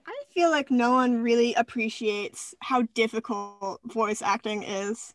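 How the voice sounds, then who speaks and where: Chatting casually with friends, a young woman eagerly shares bits of trivia in an animated, enthusiastic way. Her voice is fairly high and her pace measured, captured in a dry recording.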